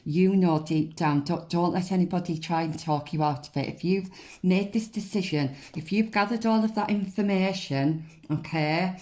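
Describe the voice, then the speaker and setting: A woman giving a casual spiritual card reading in a gentle, reassuring, hesitant way. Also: fairly low pitch, moderate pace. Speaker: tarot card reader and host.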